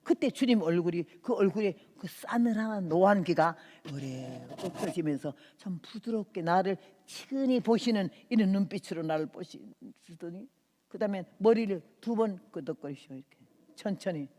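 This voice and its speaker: A woman in her eighties, a missionary giving an impassioned testimony sermon in a church, swinging from hushed tones to loud outbursts. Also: on the low side, expressive, moderate pace. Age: 80s. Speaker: missionary preacher. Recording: long reverb of a church hall.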